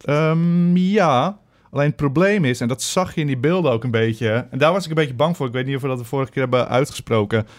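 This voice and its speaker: A man's voice: mid-range voice, brisk. A man hosting a casual gaming podcast, upbeat and chatty with frequent hesitant fillers. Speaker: podcast host.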